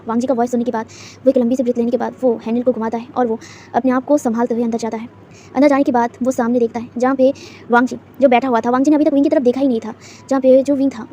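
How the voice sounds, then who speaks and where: A woman narrating a fan fiction story in a rapid, casual retelling full of fillers and restarts. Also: on the high side, dark tone, highs cut off, a little hiss or hum.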